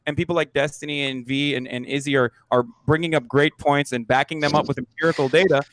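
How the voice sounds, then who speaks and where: A man's voice: on the high side, steady tone, fast talker, a bit bright. A man explaining his view earnestly in a podcast panel debate, with many fillers. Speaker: podcast guest. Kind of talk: heated panel argument.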